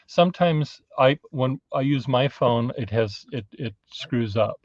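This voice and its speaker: Slow, rambling man on a livestream. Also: medium pitch, dry recording. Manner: rambling, halting, many fillers. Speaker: livestream host. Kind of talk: casual livestream chat. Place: cluttered home studio. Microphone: webcam on a video call. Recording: dull lo-fi, dry.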